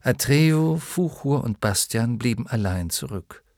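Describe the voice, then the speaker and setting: A man narrating a children's fantasy audiobook in a measured, expressive storytelling manner. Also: medium pitch, gravelly, dry recording, studio quality. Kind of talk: scripted narration.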